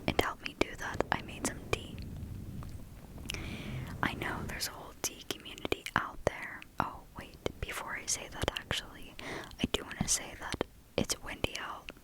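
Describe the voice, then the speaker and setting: A woman host doing a calm, casual ASMR ramble in a soft, breathy whisper, close to the microphone. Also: normal speed, poor audio.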